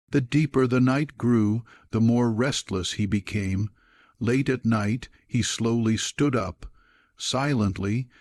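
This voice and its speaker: Low-voiced male story narrator. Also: a little mellow, no echo. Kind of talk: scripted narration.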